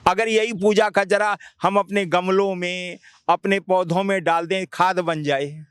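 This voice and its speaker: A man's voice: high voice, fairly even intonation, measured pace, fairly bright tone, clean tone, no room sound, studio quality. A man being interviewed outdoors by a river, speaking earnestly and pointing things out, often restarting his sentences.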